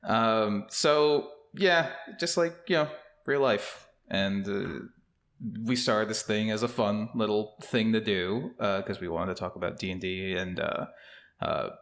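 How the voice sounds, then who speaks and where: A young adult man co-hosts a casual podcast from his empty new home office, rambling with many fillers and restarts. His lowish, slightly bright voice echoes like a cave because the bare room is still empty.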